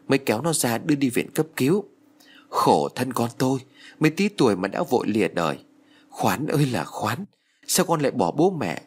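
A man voicing a grieving elderly grandmother who laments in drawn-out cries, reading a storybook. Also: mid-range voice, breathy edge.

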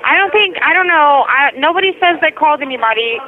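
A woman answering the phone at a restaurant, brisk, confused and impatient. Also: high-pitched, animated, a crowd in the background. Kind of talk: phone conversation. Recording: tinny phone line, busy restaurant.

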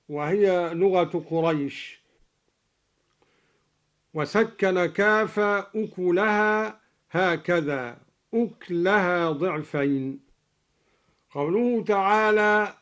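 A man from Egypt gives a measured broadcast religious lesson as a scholar, explaining reading variants and chanting short verses slowly to demonstrate them. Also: high-pitched.

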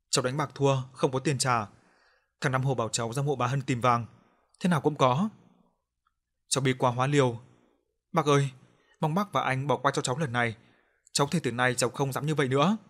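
A man's voice: mid-range voice, fairly even intonation, brisk, long pauses, a bit bright, natural voice. A man voicing a frightened young gambler who stammers and begs for mercy in an audiobook. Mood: pleading. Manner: stammering, begging.

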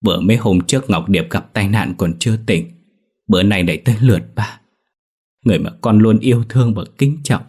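A man's voice: on the low side, steady tone, quick pace, hardly any pauses, darkish tone, natural voice. A man voicing a grown daughter who speaks through tears and stammers in a spoken ghost story. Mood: anguished. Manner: crying out, stammering. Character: grown daughter, tearful and anguished.

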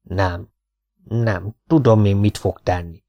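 A man doing a mumbling, raspy old villager. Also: mellow, lo-fi sound, close to an everyday voice. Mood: stubborn. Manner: slow, low mumbling. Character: glum old male villager, mumbling and stubborn.

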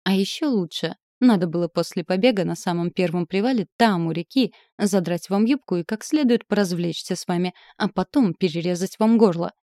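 A woman's voice: fairly low pitch, fairly quick, hardly any pauses, no room sound, clean studio sound, lightly acted. A woman reading the lines of an arrogant, passionate young man who boasts and threatens, in an audiobook. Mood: threatening. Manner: boastful, hoarse, forceful declarations. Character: passionate, arrogant young male suitor, turning menacing.

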